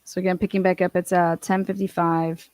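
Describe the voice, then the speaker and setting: A woman's voice: on the low side, level tone, fairly quick, darkish tone, no echo. Woman giving casual commentary, dry close sound. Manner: conversational, repeats questions for emphasis. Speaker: commentator playing back radio recordings.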